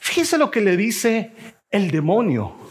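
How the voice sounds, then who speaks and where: A man's voice: high voice, big pitch swings, a little slow, slightly rough. A male pastor preaching a sermon, speaking directly to his congregation and reading scripture aloud.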